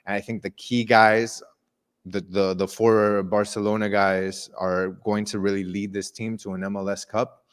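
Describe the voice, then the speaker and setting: Emphatic man with a lowish voice. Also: flat delivery, moderate pace, clean tone. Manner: emphatic, repeats words, confident predictions. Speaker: sports show co-host. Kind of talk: casual live-stream chat.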